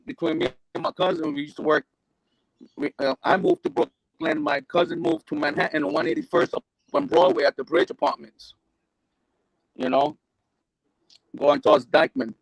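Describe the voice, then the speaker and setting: Guest: New man, heavy vocal fry, dry close sound, rambling and profane. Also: very high-pitched, animated, normal speed, pauses often, dry recording, rough recording. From New York. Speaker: interview guest. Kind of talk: candid life story.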